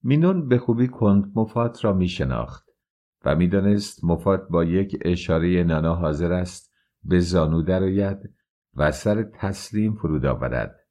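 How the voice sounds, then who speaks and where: A man narrates a novel in steady, measured tones. His voice sits very low and sounds dark and mellow. The reading is calm and unhurried throughout. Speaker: audiobook narrator. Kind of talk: scripted narration.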